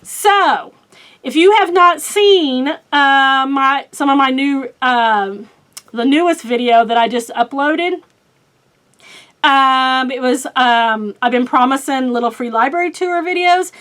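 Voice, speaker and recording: A talkative middle-aged woman with a strong Oklahoma accent, her voice sitting high. She rambles in a loose, friendly way, full of ums and little laughs at her own expense, like a book vlogger talking straight to her viewers. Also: slow pace, fairly bright tone. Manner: chatty, rambling with many fillers, laughs at herself. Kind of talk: casual chat.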